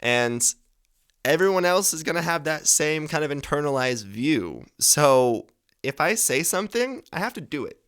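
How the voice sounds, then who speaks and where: A man's voice: on the high side, very animated, normal speed, fairly bright tone, clean tone. A man in his twenties hosting a podcast, giving advice in a casual, rambling monologue, swearing freely and correcting himself as he goes. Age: 20s. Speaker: podcast host.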